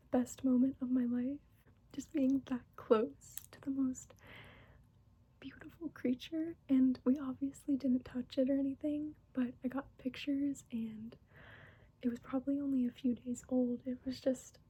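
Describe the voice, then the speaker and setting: A young woman in her twenties whispers a relaxed ASMR chat right up against the microphone, slow and breathy with a higher voice. Her tone is dark and mellow, and the recording sounds slightly dull. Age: 20s. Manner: whispered, unhurried and giggly. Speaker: ASMR creator. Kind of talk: soft-spoken ASMR chat.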